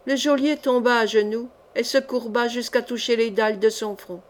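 A woman's voice: fairly high pitch, steady tone, moderate pace. A woman reading an adventure novel as an audiobook, voicing the characters with feeling. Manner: voices the characters with changing emotion. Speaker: audiobook reader. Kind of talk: expressive audiobook narration.

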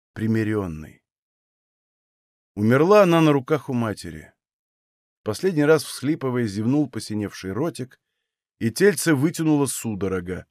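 A man reading a novel aloud as a narrator, in a measured, expressive way, recorded close and dry. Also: mid-range voice, dry recording. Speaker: audiobook narrator. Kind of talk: scripted narration.

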